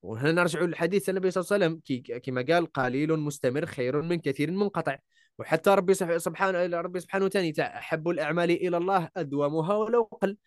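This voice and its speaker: A man's voice: on the high side, racing, no room sound, studio quality. A young man with an Algerian Arabic accent, a voice-over artist talking casually as a guest, emphatic and repeating key words. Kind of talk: casual interview chat.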